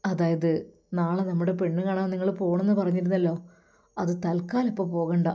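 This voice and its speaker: A woman voicing a calm older man who gently and patiently advises over the phone. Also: fairly low pitch, close to an everyday voice. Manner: calm, measured, gently persuasive. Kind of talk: storytelling with acted dialogue.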